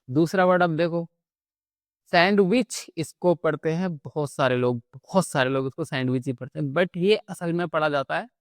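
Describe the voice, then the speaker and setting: A man teaching phonics in a patient classroom manner, pausing often to check in before he moves on. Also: on the high side, no room sound, clean studio sound. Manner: patient, repeats "theek hai" between points. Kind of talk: classroom-style phonics lesson.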